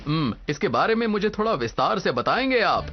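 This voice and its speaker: Cartoon fight announcer, excitable, exclamatory, very high-pitched, dull lo-fi audio. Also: male voice, a little fast, soft background music. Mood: excited. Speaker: commentator. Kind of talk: sports-style commentary, cartoon dub.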